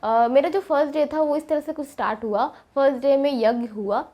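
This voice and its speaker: Young woman student talking thru her routine, kinda high voice, pauses to think a lot. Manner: steady and explanatory, with frequent pauses to think. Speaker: Ayurveda medical student. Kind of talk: casual explanatory vlog.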